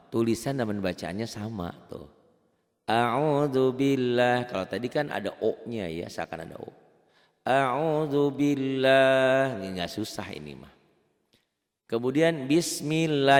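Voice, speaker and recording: A man gives a casual beginners' lesson in Quran recitation. His lowish voice swings widely in pitch as he chants slow, drawn-out examples. A long reverb trails after his words. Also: a little mellow. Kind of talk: online tajwid lesson for beginners.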